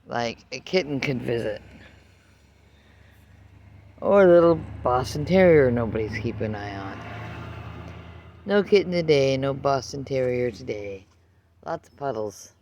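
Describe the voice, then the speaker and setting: A woman's voice: a bass voice, lively intonation, unhurried, long pauses, darkish tone, dull audio. An older woman in a casual outdoor vlog, chatting unhurriedly and talking to her dog between remarks. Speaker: vlogger.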